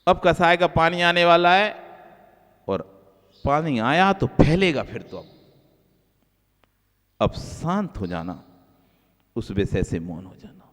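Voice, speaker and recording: A male Jain monk giving a sermon, repeating key phrases and moving between soft low asides and raised, emphatic lines. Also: big pitch swings, slow, long pauses. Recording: long hall reverb.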